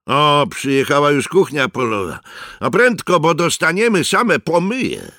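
Mężczyzna czyta, grając nerwowego, wykrętnego żołnierza. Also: male voice, on the high side, very animated, a little slow, bright, forceful tone, no echo, clean studio sound, pitched above the performer's own voice, exaggerated voice. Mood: evasive.

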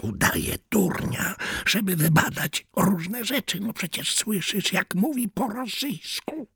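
A shrill young poet, hot-headed and suspicious, pushing his voice well above its usual depth, as a man reads him out. The lines come in urgent, hoarse half-whispers, recorded close and dry. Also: big pitch swings, slow pace, pushed and bright, no echo, exaggerated voice.

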